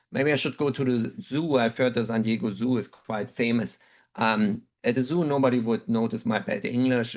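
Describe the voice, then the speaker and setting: A middle-aged dental researcher, a native German speaker with a German accent, tells a personal story during a webinar. His mid-range voice moves at a measured, reflective pace, with frequent pauses and ums.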